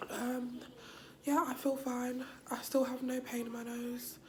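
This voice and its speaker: Hoarse, whispery woman recovering. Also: a little high, little pitch movement, a little slow, slight background noise. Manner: weak, drowsy, often whispering. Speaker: vlogger. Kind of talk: casual vlog. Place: hospital room.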